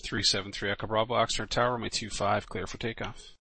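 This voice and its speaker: A man's voice: lowish voice, level tone, fast talker, bright, forceful tone, slightly rough. A man working as an air traffic controller, giving clipped, official radio instructions.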